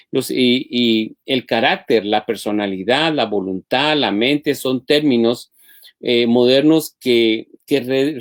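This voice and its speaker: A man's voice: medium pitch, no echo. A man co-hosting a live-streamed marriage talk, explaining scripture in a teacherly way and often restarting his phrases.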